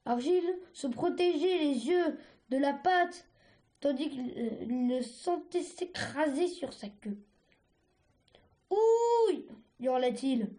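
A woman reading a storybook aloud in a halting way, often stumbling and restarting words. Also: high-pitched, warm tone. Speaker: reader.

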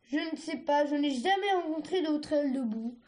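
A timid, peace-loving young male mud dragon from a storybook speaks in a hesitant, pleading way, as a woman reads him. The voice sits high and light. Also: animated, moderate pace, dark tone. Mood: hurt.

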